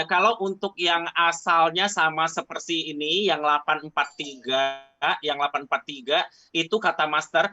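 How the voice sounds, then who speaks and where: A man with a fairly high, bright, forceful voice speaks as a guest expert answering questions, explaining things in a chatty, casual way and often ending phrases with a casual tag. He's heard through a remote call mic over an online line that drops out, with dull, dry audio and no echo.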